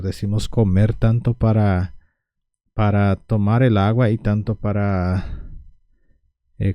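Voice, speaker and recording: A man gives an online language lesson in a slow, patient way, repeating each word so learners can follow. His voice is very dark and mellow. The recording is dry and close, with no room echo. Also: fairly low pitch. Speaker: Guarani language teacher.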